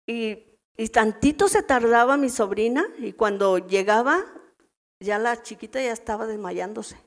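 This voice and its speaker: A middle-aged woman with a Mexican accent teaches at a church women's meeting, her voice sitting somewhat high. She talks in a loose, conversational way, full of family anecdotes. She keeps checking in with her listeners through quick tag questions. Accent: Mexican Spanish. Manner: chatty, anecdotal, constant tag questions to the audience.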